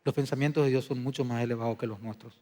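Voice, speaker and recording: A man preaching a sermon as pastor, dropping to a hushed, low delivery and then rising to loud, emphatic declarations. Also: fairly even intonation, fast talker. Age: adult. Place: church sanctuary. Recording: long reverb of a church hall.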